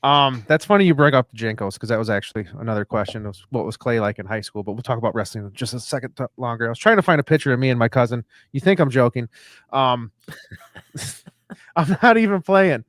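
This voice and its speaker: A man in his forties hosting a podcast, telling stories in a casual, animated way. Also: medium pitch, quick pace, no echo, studio quality. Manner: animated storyteller, acting out quotes. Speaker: podcast host.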